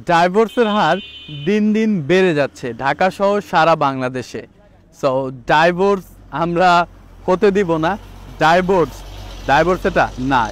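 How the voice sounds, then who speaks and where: A man teaching English pronunciation in a casual video lesson, saying each word slowly and repeating it for the viewer. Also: on the high side.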